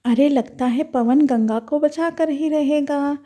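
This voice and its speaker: A woman tells a doll storybook tale in a high voice with a mellow, soft tone. She narrates dramatically and breaks in with exclaiming asides. Her delivery sounds like a storyteller reading to an audience of children. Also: slow pace.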